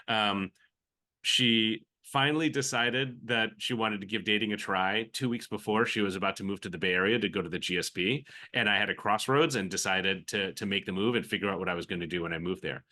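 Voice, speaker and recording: Fairly quick in delivery, a man from the Philippines with an American accent guests on an interview podcast as a venture capitalist. His voice is bright and forceful, pitched a bit low. He thinks out loud, piling on fillers and restarts.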